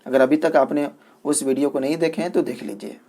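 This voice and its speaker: A man's voice: a little high, fairly even intonation, fairly quick, creaky, mellow. A man with an Indian Hindustani accent teaching Urdu reading, spelling out syllables letter by letter before saying each word. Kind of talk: slow spelling drill lesson.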